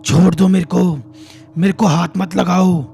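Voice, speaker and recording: A man's voice: a little high, flat delivery, takes it slowly, soft background music. A man doing a possessed ravenous woman. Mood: screaming. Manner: shouting, demanding.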